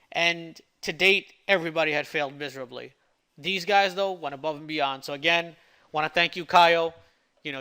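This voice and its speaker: A man's voice: fairly high pitch, pushed and bright, clear, resonant tone. A man talking casually through a game devlog, his speech a little slurred by a swollen lip, with occasional stumbles. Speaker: indie game developer narrating a devlog. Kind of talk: casual explanatory devlog talk.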